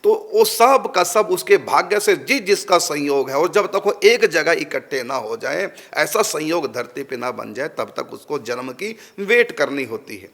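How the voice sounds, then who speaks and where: A man's voice: on the high side, animated, measured pace, hardly any pauses, fairly bright tone. A man giving a religious discourse, answering a question and putting emphatic rhetorical questions to his listeners. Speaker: spiritual teacher.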